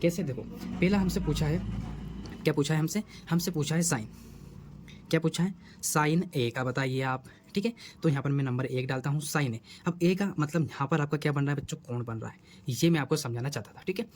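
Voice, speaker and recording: A man's voice: on the high side, brisk, a little hiss or hum. A man teaching a math lesson at a board, who keeps asking his students questions and answering them himself. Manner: repeats questions to the students, coaxing.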